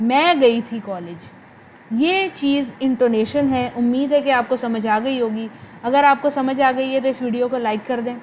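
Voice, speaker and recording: High-voiced woman teaching a lesson. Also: darkish tone, slight background noise, poor audio. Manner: explains in Hindi-Urdu mixed with English terms, slow drawn-out example sentences. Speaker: English literature teacher. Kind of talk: recorded lecture explaining grammar.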